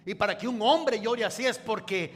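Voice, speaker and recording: High-voiced preacher, loud then hushed. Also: male voice. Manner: stretches words slowly for emphasis, swings from loud to hushed. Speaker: pastor. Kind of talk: sermon with live interpretation.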